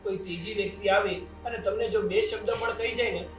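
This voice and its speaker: A man's voice: sits high, steady tone, fairly quick. A man acting an earnest, protective brother in a family drama. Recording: roomy echo with soft music.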